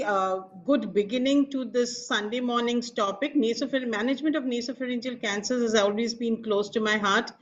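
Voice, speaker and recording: A middle-aged woman with an Indian accent giving a formal, measured medical lecture as a professor. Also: fairly high pitch. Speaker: professor of radiation oncology, guest speaker. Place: online video call. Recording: dull lo-fi video call audio.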